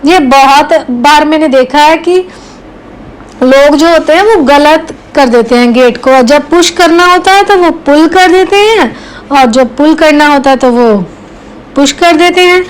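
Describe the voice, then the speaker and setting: A woman's voice: high voice, measured pace, rough recording. A woman teaching spoken English to learners. She repeats each example sentence word by word and answers her own questions. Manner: asks the learner questions, then answers them herself.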